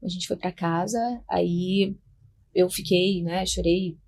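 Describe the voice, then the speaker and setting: Brazilian woman, young adult, guest mother, podcast storytelling, soft-spoken, acts out quotes. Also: on the low side, little pitch movement, slow, creaky, breathy edge. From Minas Gerais, Brazil. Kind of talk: personal storytelling in a podcast chat.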